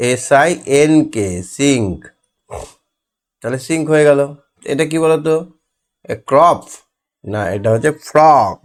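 Guy teaching little kids homework, slow and patient, spells out each letter, average pitch, close mic. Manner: patient, quizzes children and spells words out letter by letter. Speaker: primary school teacher. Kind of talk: homework lesson for young children.

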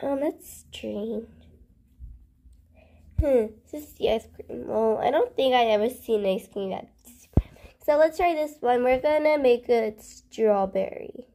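Her sentences tend to dwindle into soft murmurs as she narrates her gameplay for her channel. The woman's voice is fairly high, and she speaks very slowly and haltingly, thinking out loud in a casual manner.

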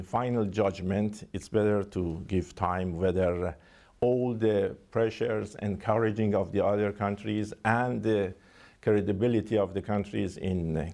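A man with a Persian accent gives formal interview answers as a diplomat. His voice is dark and creaky, and he talks very slowly, with halting phrasing and many hesitations. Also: fairly low pitch. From Iran.

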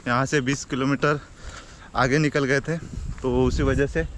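Unhurried and fairly even in intonation, a medium-pitched young man in his twenties chats casually while riding a motorbike through rain and trekking on hills, cheerfully showing off the scenery for his travel vlog. He films with an action camera held at arm's length on the trek, and the lo-fi recording sounds dull, full of wind and traffic.

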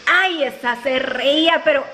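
In a noisy home video, a woman with a high voice talks at normal speed for her family vlog. She tells stories and laughs a lot, first at home and then in a car.

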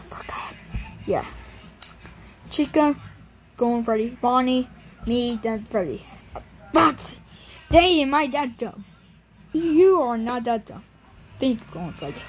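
A woman's voice: on the high side, a little hiss or hum, poor audio. A woman improvising a plush puppet show, rambling with lots of fillers and switching between character voices.

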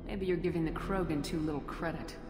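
A woman playing a composed human military commander in a video game, firm, measured and direct. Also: deep voice, a little mellow, lightly acted. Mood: calm, persuasive. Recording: echoey hall, music behind.

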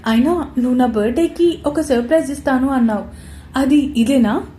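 A woman's voice: high-pitched, moderate pace, mellow, slight background noise, lightly acted. Woman doing a scheming, jealous young woman. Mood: angry. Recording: roomy echoey recording.

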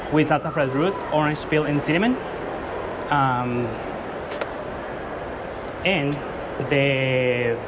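A man in his thirties from Guatemala, speaking English, earnestly presenting his drink to judges with frequent fillers and restarts. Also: on the high side. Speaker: competing barista. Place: large indoor exhibition hall. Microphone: far camera. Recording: loud hall noise from far off.

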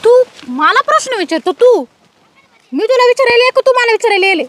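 A woman playing a strict, domineering female police officer who scolds with rapid questions. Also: very high-pitched, expressive, fairly bright tone, no room sound. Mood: scolding. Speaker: police officer in a comedy skit.

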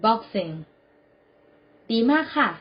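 A woman teaching children English vocabulary, saying each word clearly and spelling it out letter by letter. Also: on the high side, animated, very slow, lo-fi sound. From Thailand. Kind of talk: slow classroom vocabulary drill.

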